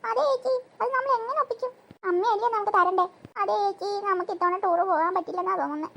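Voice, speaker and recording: Someone voicing a worried little sister, high squeaky cartoon voice. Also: fast, vocal fry, pushed and bright, heavily acted. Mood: fretful. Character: pleading little sister schoolgirl. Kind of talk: cartoon voice acting.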